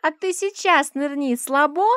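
A woman voicing a cheeky, excitable little girl with a squeaky, shrill voice in an audiobook. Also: a little slow, dry recording, studio quality. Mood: excited squeal.

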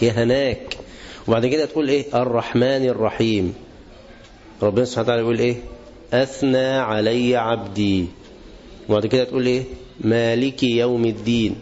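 A man's voice: medium pitch, darkish tone. A man with an Egyptian accent teaching a religious lesson to students, asking the class questions and answering them himself. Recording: dull lo-fi recording.

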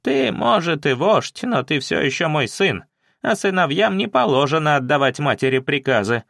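Мужчина озвучивает упрямую старую деревенскую женщину, которая насмешливо и с вызовом спорит с вождём и знахарем. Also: male voice, on the high side, big pitch swings, moderate pace, creaky, a bit bright, dry recording, clean studio sound, voice pushed up, full character voice. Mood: defiant. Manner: mocking, defiant. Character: stubborn defiant old village woman.

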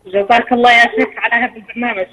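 A woman's voice: fairly high pitch, fairly even intonation, very fast, pushed and bright, in a large hall. A woman calling in with questions to a radio program, her phone held away from her mouth so she sounds faint and unclear, speaking hesitantly. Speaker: caller. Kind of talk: call-in questions to a radio scholar. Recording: tinny phone line, distant.

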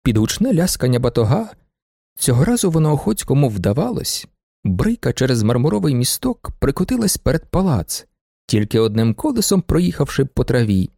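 A man reading a classic novel aloud as an audiobook narrator, with expressive delivery. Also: mid-range voice, brisk, creaky, no room sound, clean studio sound. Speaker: audiobook reader.

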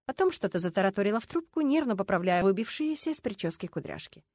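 A woman narrating an audiobook in an even storytelling manner. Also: medium pitch, fast, no echo, studio quality. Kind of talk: scripted narration.

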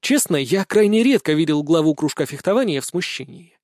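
A man's voice: on the high side, expressive, brisk, a little mellow, no echo. A man narrating a first-person audiobook in a dry, sardonic manner.

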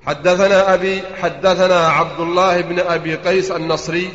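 A man reads out chains of narration in a steady, formal recitation, his voice sitting a little high. The sound is dull and lo-fi, with a long echo from a large hall. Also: fairly quick. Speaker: student reading aloud. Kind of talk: reading hadith chains aloud in a study circle. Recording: dull echoey hall recording.

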